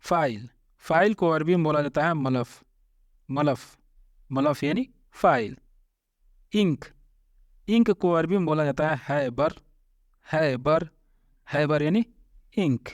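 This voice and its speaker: Young guy teaching words, says each one again slow and clear, kinda high voice, dry close sound. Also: no room sound. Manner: repeats each word slowly and clearly. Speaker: language teacher. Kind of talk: vocabulary lesson.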